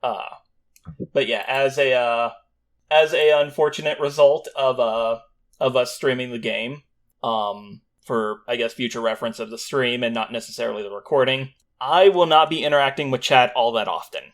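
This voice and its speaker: A man with a mid-pitched voice runs a tabletop game. He speaks as its game master. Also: moderate pace. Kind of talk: scripted scene narration, then casual chat.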